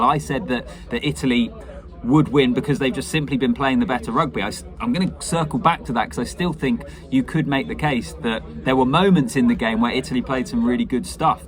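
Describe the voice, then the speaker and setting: A man in his thirties giving casual, measured sports analysis as a pundit, opinionated and conversational. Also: mid-range voice. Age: 30s. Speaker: rugby pundit giving match reaction. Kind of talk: casual spoken match analysis to camera. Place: small indoor room at home.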